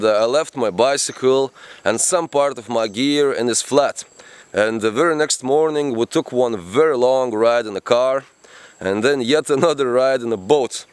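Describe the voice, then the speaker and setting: A man's voice: medium pitch, clear, resonant tone, dry recording. A man narrating a travel vlog in a chatty way, with slightly non-native phrasing. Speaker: travel vlogger. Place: outdoors in the rainforest.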